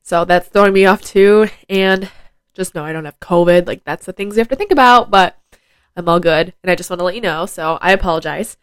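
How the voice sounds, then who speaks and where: Recording a casual solo podcast at home through a phone-connected microphone, a teenage host of fifteen talks briskly, filling pauses often. Her fairly low voice is clear and resonant but nasal and blocked from a head cold, with no echo.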